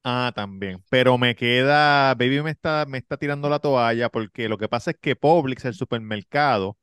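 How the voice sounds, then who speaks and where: A man, hosting a casual podcast chat, laughing and stumbling into quick bursts. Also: mid-range voice, a bit bright, clear, resonant tone, no echo, studio quality. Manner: laughs, stammers, rapid bursts. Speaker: podcast host.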